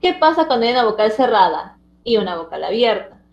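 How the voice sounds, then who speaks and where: A woman's voice: a little high, sing-song, brisk. Woman teacher, roomy dull recording. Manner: explains step by step, checks in with students. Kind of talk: online language lesson.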